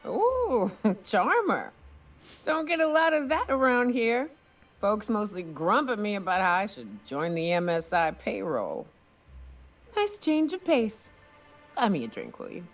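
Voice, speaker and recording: Brash female big game hunter, tipsy barfly: swinging pitch, rambling game dialogue over music. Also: very animated, unhurried. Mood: tipsy, amused. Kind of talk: video game acting.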